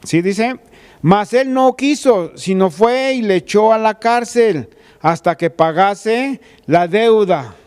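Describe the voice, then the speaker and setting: Male pastor, high smooth voice, conversational sermon delivery, talks right to the listener. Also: slow, darkish tone. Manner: preaches conversationally, retelling a scripture story with quoted pleas; addresses listener directly as "tú".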